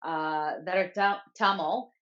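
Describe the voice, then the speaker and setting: A woman's voice: lowish voice, fairly even intonation, takes it slowly, fairly bright tone, highs cut off. A woman co-hosting a casual chat show from Canada, chatty and often correcting herself. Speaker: co-host.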